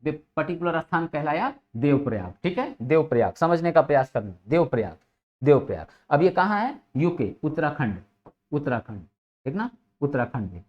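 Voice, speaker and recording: This is a man with a fairly high, sing-song voice at normal speed, teaching geography for an exam and calling his students children. His style is to ask and then answer his own questions, repeating important words over and over while checking "ठीक है" often. The recording sounds dull and lo-fi.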